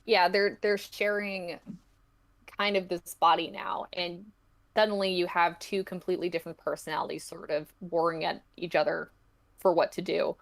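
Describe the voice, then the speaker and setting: A woman with a lowish, gravelly voice speaks at normal speed in a level tone. As a podcast guest, she explains her own creative work in a chatty, informal interview about her story.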